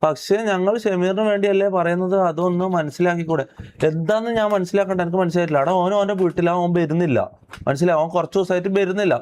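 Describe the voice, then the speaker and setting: Fast, emphatic streamer man. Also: high-pitched, darkish tone. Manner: emphatic, aggrieved, keeps asking if listeners understand. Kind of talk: livestream chat.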